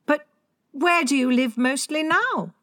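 A woman's voice: unhurried, fairly bright tone, dry recording, studio quality. A woman voicing a polite, wide-eyed young girl full of wonder, for a storybook reading. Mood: curious. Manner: breathless, wondering, high and lilting. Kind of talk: audiobook character voicing.

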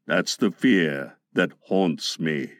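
A man voicing a menacing, brooding pirate captain in a storybook reading, slow, dark and dramatic. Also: sits low, dry recording, studio quality, pitched below the performer's own voice. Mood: haunted, brooding.

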